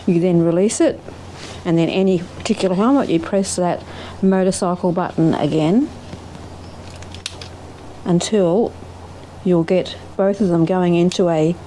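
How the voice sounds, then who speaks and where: Outdoors, a woman presents a recumbent trike vlog, chatting casually and explaining things plainly, one step at a time. Her voice is fairly low and dark in tone, a little slow, with frequent pauses. The audio is poor, with slight background noise.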